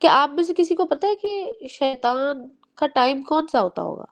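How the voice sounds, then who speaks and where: A woman teaching a group of children in Urdu with an English-mixed Pakistani accent, explaining gently and often checking with them. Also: high voice, very animated. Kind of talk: lesson for children.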